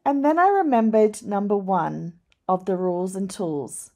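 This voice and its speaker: A woman reading a children's picture book aloud, expressive, with dramatic rises at the scary moments. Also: medium pitch, faint music behind. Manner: slow, deliberate storytelling. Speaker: storyteller.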